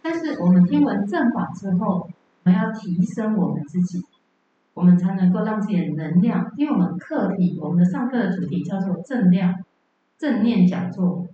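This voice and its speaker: This dharma teacher, a woman, speaks at medium pitch with lively intonation and a warm tone at a moderate pace. She teaches Buddhism in a lecture hall through stories and rhetorical questions, captured dull, echoey and from far off, with a little hiss or hum.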